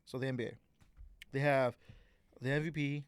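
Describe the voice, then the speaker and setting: A young man co-hosting a casual chat, slangy and animated, acting out voices in his stories. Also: medium pitch, normal speed, clean tone, dry recording. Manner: animated storyteller, slangy, acts out quotes. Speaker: co-host.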